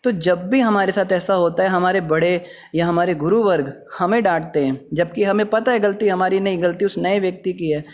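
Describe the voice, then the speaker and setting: A man's voice: sits high, moderate pace. A man giving a scripture class, explaining with everyday examples and storytelling. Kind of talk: Hindi scripture class sermon.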